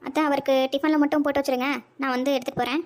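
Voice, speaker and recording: A woman's voice: sits high, little pitch movement, racing, slight background noise, lightly acted. A woman voicing a young wife and mother in a cartoon, bossy but sweet, chirpy and scolding.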